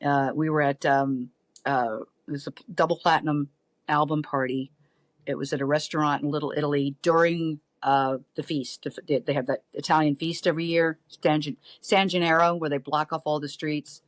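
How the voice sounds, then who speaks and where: Animated woman telling a story. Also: low-pitched, fairly quick, no room sound. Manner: lively, animated storyteller who acts out quoted voices. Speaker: podcast guest. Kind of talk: casual storytelling.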